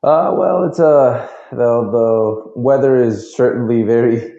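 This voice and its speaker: Mexican-accented man, 20s, mellow and halting interviewee, dull roomy call audio. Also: mid-range voice, gravelly. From Monterrey, northern Mexico. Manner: halting, repeats words while thinking. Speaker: guest, professional kickboxer. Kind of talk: casual interview answers.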